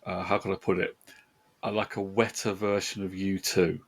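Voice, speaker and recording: A man's voice: deep voice, flat delivery, normal speed. A man co-hosting a casual music podcast, speaking hesitantly and searching for words with many restarts. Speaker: podcast co-host.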